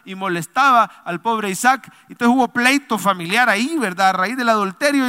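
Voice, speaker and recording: A man preaching a sermon as a pastor to a congregation, swinging between quiet, intimate passages and loud, urgent calls. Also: very high voice, clean tone, long reverb tail. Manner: preaching to a congregation, rising and falling from soft to loud. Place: church.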